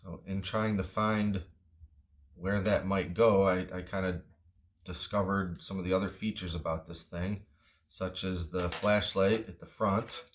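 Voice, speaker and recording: A man with a deep voice reviews a product informally and without a script, his tone steady and his pace unhurried. He sounds matter-of-fact, a touch unsure, and understated, with slight background noise behind him.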